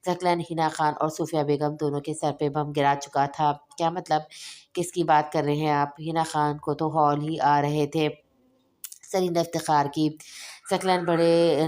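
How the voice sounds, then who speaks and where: A woman narrating an audio novel in a steady, even reading voice. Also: deep voice.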